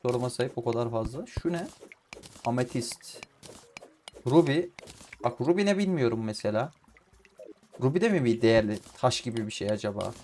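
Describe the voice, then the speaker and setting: A young man with in-ear headphones, chatting casually as he plays and often swearing or shouting at the game. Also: medium pitch, animated, moderate pace, pauses often, a little hiss or hum. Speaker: gaming YouTuber. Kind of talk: casual let's-play commentary. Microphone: in-ear headphones with mic.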